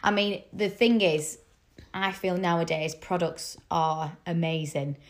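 A woman's voice: lowish voice, fairly even intonation, measured pace. A woman in her own voice, a wedding makeup artist co-hosting a podcast, chatting with enthusiasm and drawing her co-host in. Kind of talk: casual podcast chat.

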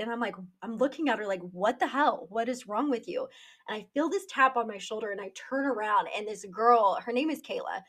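A woman's voice: sits high, bright, forceful tone. A woman hosting a podcast, telling a personal story in a casual, candid way, swearing freely with plenty of fillers. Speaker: podcast host.

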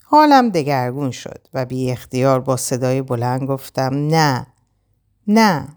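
A woman narrating a first-person novel in a measured, expressive reading. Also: very deep voice, clean tone. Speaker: audiobook narrator.

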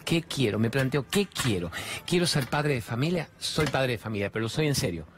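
A man's voice: mid-range voice, expressive, a little fast, background noise. A middle-aged man with a Rioplatense Spanish accent gives a spiritual self-help talk. He speaks emphatically, asks rhetorical questions and uses colloquial slang.

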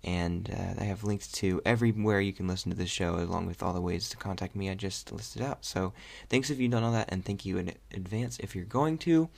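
Low gravelly young man, rambling podcast host. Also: a little fast, hardly any pauses. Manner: rambling, hesitant, full of fillers. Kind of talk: casual chat.

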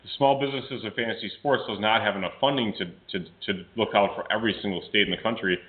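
A man's voice: lowish voice, quick pace. A man co-hosting a sports talk show, nasal with a cold, rambling with many fillers. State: has a cold. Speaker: co-host. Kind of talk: casual sports radio talk. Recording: tinny phone-like audio.

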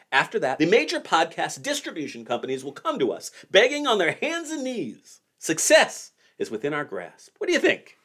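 A podcast host in his forties, with a fairly high, a bit bright voice, tells a band's history in a wry, joking manner during casual podcast chat.

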